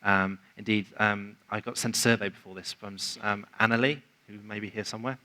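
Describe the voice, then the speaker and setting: A man's voice: on the low side, fairly even intonation, fairly quick, sharp tone, poor audio. A man giving a conversational, explanatory presentation at a conference, acting out quoted remarks along the way. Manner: conversational, explanatory, quotes others in acted asides. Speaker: conference speaker. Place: conference venue.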